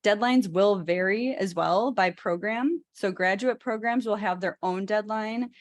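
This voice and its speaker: A woman's voice: medium pitch, a little slow. A woman with a Chicago accent in her thirties, hosting a casual talk about becoming a dietitian, chatty with many fillers and restarts. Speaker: host, dietitian educator.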